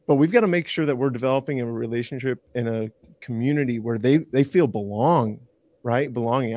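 A man's voice: medium pitch, a little mellow, no room sound. Eager Canadian man, dry close sound. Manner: eager, rambling, many restarts. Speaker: university director of bands, guest. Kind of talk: casual interview chat.

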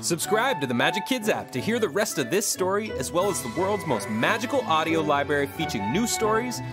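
A man's voice: on the high side, big pitch swings, fairly quick, over loud music. A man reading a scripted promotional outro for a kids' audio show in an upbeat, friendly way. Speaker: show announcer.

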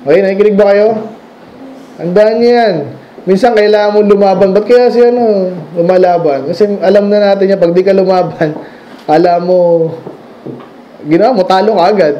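A man's voice: high-pitched, moderate pace, mellow, highs cut off, slight background noise. A man preaching a sermon in a church, conversational, asking the congregation questions and laughing at his own stories. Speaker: pastor.

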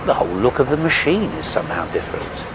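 A man's voice: medium pitch, very animated, quick pace, background noise. A man reading scripted documentary narration with polished, dramatic storytelling phrasing.

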